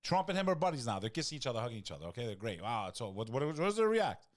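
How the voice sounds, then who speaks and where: A middle-aged man co-hosting a live stream, chatting and joking in an animated way. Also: mid-range voice, very fast. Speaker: co-host. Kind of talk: casual live-stream chat.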